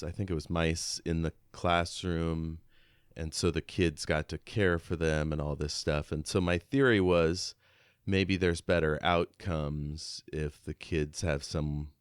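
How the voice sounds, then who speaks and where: A podcast co-host with a very low, smooth voice discusses a book casually and reads excerpts aloud, thinking his way along in a halting, conversational manner. The sound is close and dry, with no room sound at all.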